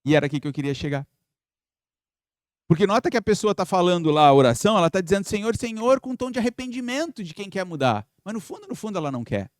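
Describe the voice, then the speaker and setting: A man's voice: on the high side, animated, quick pace, dry recording, studio quality. A man giving an earnest, reflective spiritist lecture, posing rhetorical questions to his audience. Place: spiritist center lecture hall.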